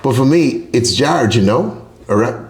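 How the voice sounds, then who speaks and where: Profane joking stream host, echoey room. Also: male voice, mid-range voice, lively intonation, a little slow, slight background noise. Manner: profane, joking, reacts loudly between read-out lines. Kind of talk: casual live-stream commentary reading an article. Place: home streaming setup.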